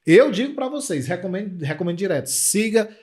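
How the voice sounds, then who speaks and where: A man's voice: sits high, expressive, brisk, a little mellow, breathy edge. A man with a Brazilian accent hosting an interview podcast, enthusiastic and repeating words as he searches for them. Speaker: podcast host.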